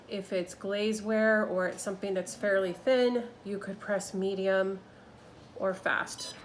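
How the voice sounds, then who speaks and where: Woman, plain instructional delivery, phone-recorded with steady background noise. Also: mid-range voice, rough recording. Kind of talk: step-by-step demonstration. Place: kiln room. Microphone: phone held while filming.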